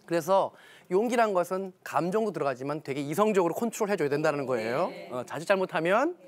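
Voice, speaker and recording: A man's voice: fairly high pitch, animated, quick pace. A man giving a televised lecture on parenting, telling stories animatedly and acting out quoted dialogue.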